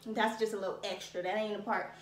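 A woman's voice: medium pitch, steady tone, fast, noisy background. A young woman teaching a dance tutorial, chatty and a bit out of breath, counting moves aloud and calling her viewers y'all. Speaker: dance instructor. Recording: echoey room, distant from mic.

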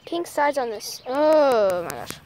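A woman's voice: high voice, very animated, slow, a little mellow, slight background noise. A young woman rambling and hesitating as she films outdoors on a handheld phone. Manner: rambling, hesitant, full of "like" and "I mean". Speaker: nature vlogger. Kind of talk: casual outdoor vlog. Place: outdoors in a backyard. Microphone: handheld phone camera. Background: birds chirping faintly.

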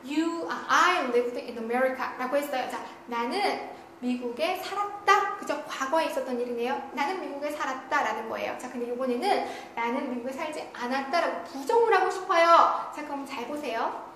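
Female grammar teacher with a high voice and a heavy room echo who asks and answers her own questions. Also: lively intonation, normal speed, a bit bright. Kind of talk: online grammar lecture. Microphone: studio lecture recording. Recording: very echoey room with faint noise.

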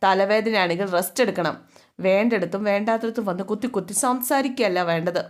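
A woman voicing a sharp-tongued middle-aged mother who jabs with sarcasm in a retold family serial. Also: medium pitch, brisk, close to an everyday voice. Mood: snapping. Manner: sarcastic, snappy.

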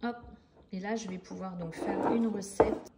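A middle-aged woman giving a casual, chatty product demonstration in her home kitchen, pausing often with fillers. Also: medium pitch, fairly even intonation, heavy background noise. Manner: chatty, hesitant with frequent fillers. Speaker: cooking vlogger demonstrating a product.

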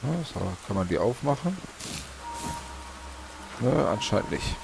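A man's voice: medium pitch, very animated, a little slow, gravelly, noisy background. A man hosting a let's play with casual commentary, muttering to himself as he plays.

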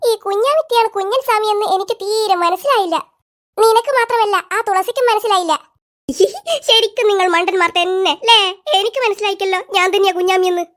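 A voice actor voicing squeaky schoolkids in an animated comedy, trading quick teasing banter. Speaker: cartoon voice actor.

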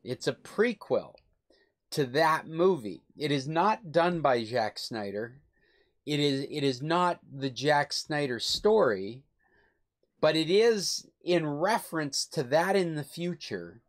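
A man's voice: a little high, very animated, slow pace. An older man hosting a club video call, casually recommending a film in a rambling, enthusiastic, self-correcting way. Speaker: club host.

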